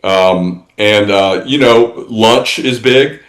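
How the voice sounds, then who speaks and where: Low-voiced man rambling through an interview. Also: slow, a bit bright, low-quality recording. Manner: rambling, many restarts and fillers. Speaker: tourism industry guest. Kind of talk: casual interview talk.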